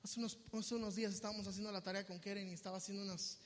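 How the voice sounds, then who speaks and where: A Mexican pastor with a strikingly high voice preaches with fervor, dropping to a hush and then rising to a shout. His words ring out with a long reverb from the church hall. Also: little pitch movement, rapid-fire. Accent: Mexican Spanish. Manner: emphatic preaching that swings from hushed to shouted, acting out voices of others. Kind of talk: sermon. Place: church sanctuary.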